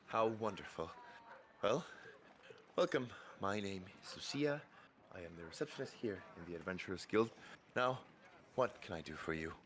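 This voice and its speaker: A man voicing a polite, weary woman who works as a receptionist at an adventurers guild, speaking softly and formally. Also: deep voice, animated, moderate pace, pauses often, a little hiss or hum, voice pushed down.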